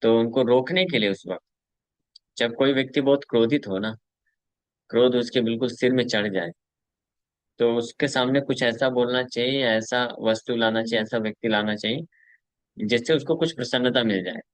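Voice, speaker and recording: A man teaching a scripture class, telling devotional stories with animated storytelling and chuckles between his points. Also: mid-range voice, normal speed, no echo. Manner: animated storyteller who acts out quotes.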